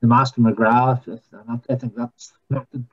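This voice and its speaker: A man's voice: medium pitch, flat delivery, breathy edge. Man on a breaking-up call line. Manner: halting, repeats words while searching for them. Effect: call audio breaking up, dropping out. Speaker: society member joining an online talk. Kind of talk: casual group discussion. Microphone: video call. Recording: dull lo-fi call audio that breaks up.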